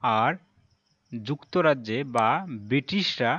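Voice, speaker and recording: A male teacher giving a pronunciation lesson, saying each sound slowly and twice over. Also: medium pitch, lively intonation, a bit bright, muffled recording.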